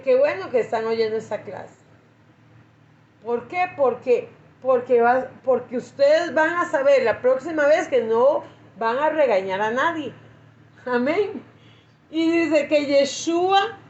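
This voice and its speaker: A woman pastor teaching a Bible class, reading scripture slowly and repeating phrases for emphasis. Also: high-pitched, darkish tone. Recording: echoey, muffled lo-fi recording.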